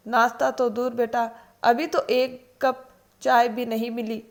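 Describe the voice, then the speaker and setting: Woman reading a put-upon older mother, soft-spoken and resigned, fairly high voice; storybook read-aloud. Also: flat delivery, a little slow.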